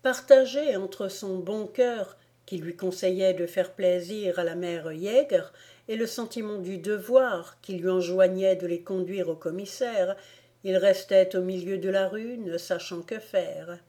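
A woman reading a storybook aloud as a volunteer audiobook narrator, in a calm, measured manner. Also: mid-range voice. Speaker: audiobook reader.

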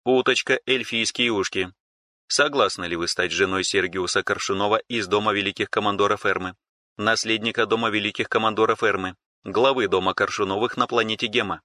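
A man's voice: fairly low pitch, steady tone, brisk, bright, forceful tone. A man voicing a female ship AI in an audiobook, dry, formal and sarcastic. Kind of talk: audiobook character reading.

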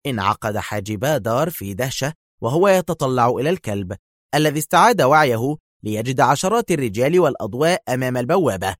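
A man narrating a novel in an expressive, dramatic way. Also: mid-range voice, quick pace, dry recording, clean studio sound. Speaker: reader of a novel. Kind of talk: audiobook narration.

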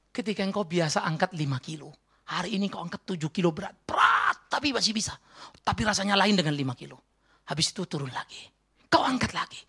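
Casting note: male pastor mid-sermon, bright forceful tone, highly animated delivery. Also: creaky, husky. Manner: emphatic, swinging between soft asides and loud exhortation.

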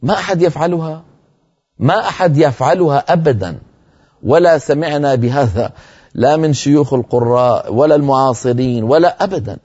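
Man, middle-aged, recitation teacher who lectures patiently, drawing out example words; warm, dark tone on muffled lo-fi audio. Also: fairly high pitch, a little fast, slightly rough. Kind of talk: classroom lecture on recitation rules.

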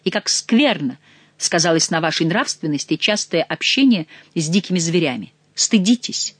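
A woman's voice: fairly low pitch, lively intonation, normal speed, dry recording. A woman doing a mocking young nobleman. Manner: ironic, teasing, mock-polite. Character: mocking, cool-headed young male nobleman. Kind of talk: audiobook character reading.

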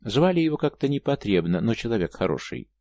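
A man voicing a gloomy, taciturn male veteran warrior who talks in a grave, measured way. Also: mid-range voice, very animated, dark tone, dry recording.

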